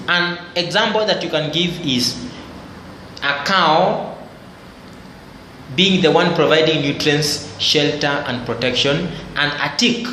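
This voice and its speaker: Male teacher, slightly high voice, explains and repeats points, very echoey room with faint hiss. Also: pushed and bright. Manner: repetitive explanatory teaching, phrases restated for emphasis. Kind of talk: biology lecture.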